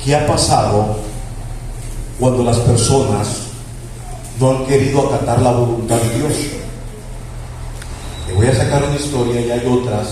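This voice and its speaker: A man's voice: mid-range voice, a little mellow. A man preaching a sermon. He is emphatic, repeats key phrases and stretches words for emphasis. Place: church hall. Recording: echoey church hall, distant mic, background noise.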